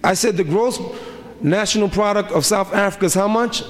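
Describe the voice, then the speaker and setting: A man's voice: sits high, fairly quick. A middle-aged man preaching a sermon as an imam, with a rhythmic delivery full of repeated rhetorical questions. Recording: reverberant hall, faint ambience.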